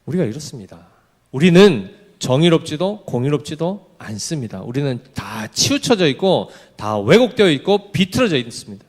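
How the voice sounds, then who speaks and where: A man's voice: fairly high pitch, sing-song, normal speed. A male pastor preaching a sermon in a conversational way, asking his congregation questions and acting out everyday remarks.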